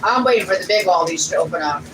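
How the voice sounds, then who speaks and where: A woman's voice: lowish voice, expressive, fast talker. A middle-aged woman, chatting casually on a family livestream and reading viewer comments aloud. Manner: homey, chatty, plainspoken. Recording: distant mic in a noisy room.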